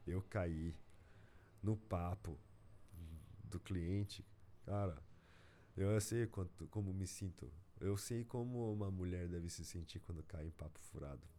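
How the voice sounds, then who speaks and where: With a Brazilian Portuguese accent, a man rants slowly in a low, warm voice, slight background noise behind him. He's an agency owner fed up with clients, and his casual, slangy monologue sounds frustrated and exasperated.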